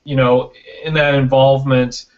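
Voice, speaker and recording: A video producer, interviewed on a casual video call, explains things conversationally and often tags sentences with "right?" and "you know." His mid-range voice has little pitch movement and a moderate pace, and the built-in webcam mic gives it a dull lo-fi sound.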